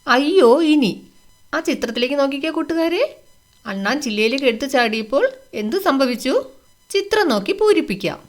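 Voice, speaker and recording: Lively woman teaching young children. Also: high-pitched, moderate pace. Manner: sing-song questions to children, acts out animal lines. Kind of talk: children's lesson walkthrough.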